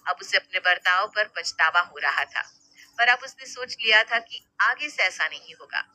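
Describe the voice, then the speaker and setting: Bright, dry woman narrating a story. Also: medium pitch, animated, normal speed, no echo.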